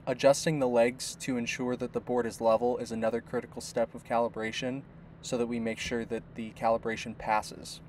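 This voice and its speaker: Male tutorial narrator, middle pitch, plain step-by-step delivery, faint noise under the voice. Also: a little fast. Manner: steady, step-by-step explaining. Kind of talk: instructional voice-over.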